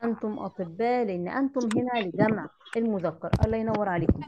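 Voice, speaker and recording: A woman's voice: medium pitch, quick pace, dull audio, heavy background noise. A woman teacher with an Egyptian accent, giving an online lesson, patiently repeating rules and quizzing her pupils. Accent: Egyptian Arabic. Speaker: Arabic teacher. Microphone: computer mic in an online class.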